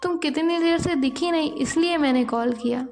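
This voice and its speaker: A woman's voice: high-pitched, normal speed, vocal fry, darkish tone, faint music behind, voice pushed up. A woman voicing a chatty, nosy young woman friend who teases and prods. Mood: teasing. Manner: chatty, teasing.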